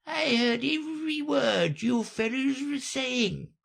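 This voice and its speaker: A reader voicing a sleepy, feeble little male dormouse from a children's storybook, with a hoarse, drowsy, faltering voice. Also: high-pitched, takes it slowly, a bit bright, voice pushed up, exaggerated voice. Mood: feeble, defensive.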